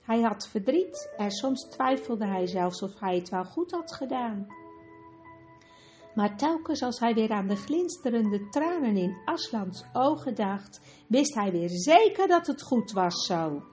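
A woman reading a children's storybook aloud in a steady, clear telling. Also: fairly high pitch, measured pace. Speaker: audiobook narrator. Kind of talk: storybook narration. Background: faint music.

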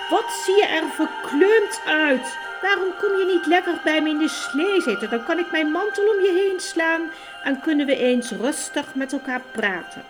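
A woman's voice: sing-song, measured pace, over music. A woman doing a cold, imperious queen. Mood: falsely sweet. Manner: haughty, commanding, high and loud. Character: cold, imperious queen, menacing then falsely sweet. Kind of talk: audiobook character voice.

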